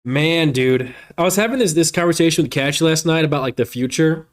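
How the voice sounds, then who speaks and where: A man's voice: a little high, brisk. Rambling man in his thirties streaming. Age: 30s. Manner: rambling, fills talk with "man" and "you know". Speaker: livestreamer reading chat. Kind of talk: casual stream chat.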